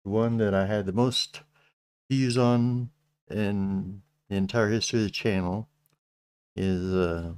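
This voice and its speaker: A middle-aged Texan man hosts a casual livestream chat on his channel, speaking slowly with many halting restarts. His voice sits on the low side, fairly even and a little mellow, with a clean tone and no echo.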